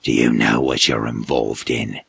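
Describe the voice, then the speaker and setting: A man doing a slow, menacing low monster. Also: level tone, creaky, breathy edge, full character voice. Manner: slow, low, threatening growl. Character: towering male monster, menacing interrogator.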